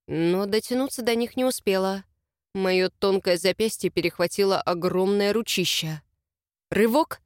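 A woman's voice: medium pitch, dry recording, clean studio sound. Woman narrating a first-person audiobook.

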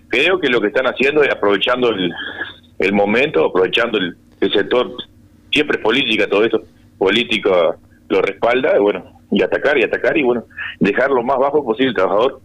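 A man with a fairly low voice gives a radio interview. He talks in halting bursts and repeats words as he goes. A wry chuckle sometimes breaks into his answers. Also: animated, fairly bright tone, lo-fi sound.

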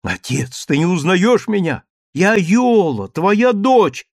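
A man's voice: high voice, big pitch swings, takes it slowly, no echo, clean studio sound, pitched above the performer's own voice, exaggerated voice. A man doing a frightened pleading daughter. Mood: frantic pleading. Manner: cries out pleadingly.

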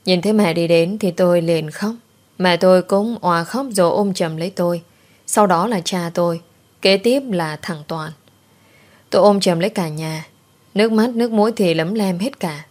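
A woman reading a first-person story aloud in a steady, emotive storytelling manner. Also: lowish voice, moderate pace. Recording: faint background music.

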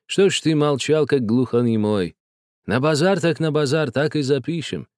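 A cranky old man, quick to flare up but kind underneath, as a male audiobook reader puts him on. He grumbles and hisses with a lifted voice. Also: mid-range voice, darkish tone, no echo, clean studio sound, pitched above the performer's own voice, lightly acted. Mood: placating. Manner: hissing, exasperated then placating. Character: quarrelsome but good-natured old man.

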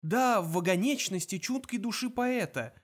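A man voicing a panicky young Earthman in an audiobook reading, his tone high-pitched and excitable. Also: moderate pace. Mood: eager. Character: frantic panicky Earthman, young adult male.

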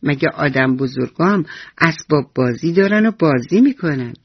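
A woman voicing a cheerful, curious little boy who speaks slowly and eagerly, on a dull lo-fi radio recording. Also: deep voice, lively intonation, breathy edge, no echo.

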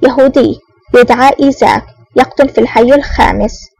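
Lady reading a sly male agent acting mad, audiobook, slightly high voice. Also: a little fast, gravelly, darkish tone. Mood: mock-pleading. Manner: curt, mock-angry. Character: scheming male secret agent playing an angry buyer. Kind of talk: audiobook narration.

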